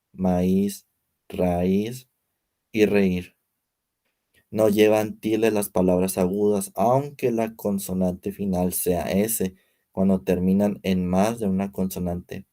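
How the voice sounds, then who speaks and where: A young man presents a spelling lesson as a student, reading examples one after another. His delivery is slow and careful, and his voice is low and mellow. He stumbles now and then and corrects himself. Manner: reads word lists slowly with pauses, some slips.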